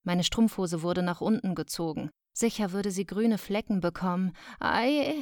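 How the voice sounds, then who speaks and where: Female audiobook narrator, lower voice, steady measured delivery, dry close sound. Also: dry recording. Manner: calm, measured storytelling. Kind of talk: scripted first-person narration.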